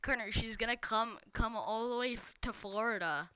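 Bright, teasing young woman streamer. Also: on the high side, normal speed, smooth, highs cut off. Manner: teasing, talks straight to viewers reading chat. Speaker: game streamer. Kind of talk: casual live-stream chat while gaming.

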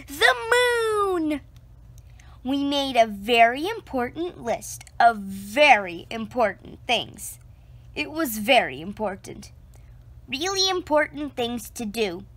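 Sitting close to the camera indoors, a woman reads a children's picture book aloud, slow and expressive, her pitch lively as she tells the story. There is no room sound.

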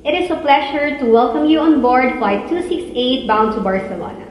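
A woman in her twenties giving a formal, measured, scripted airport and cabin announcement as a flight attendant. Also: a little high, highs cut off. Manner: formal, measured public-address delivery. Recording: echoey, reverberant, faint background noise.

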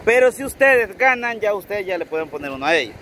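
A Salvadoran man presents games on a sandy shore outdoors, teasing players and explaining the rules. His voice sits high and swings widely in pitch. The delivery is casual and upbeat. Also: quick pace, a little hiss or hum. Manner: lively, teasing, giving instructions. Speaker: TV game host.

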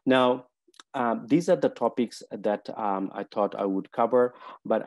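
A man presents over a video call, stopping and restarting often with many fillers. His voice sits a little low and sounds mellow. The sound is dry and close. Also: dry recording. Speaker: presenter for a college. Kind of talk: webinar presentation.

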